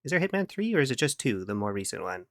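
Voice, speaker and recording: A man's voice: mid-range voice, big pitch swings, fast talker, dry recording, clean studio sound. A man chatting casually with viewers on a live stream, playful and giggly, humming and scatting to himself between remarks. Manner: playful, giggly, hums and scats to himself while working.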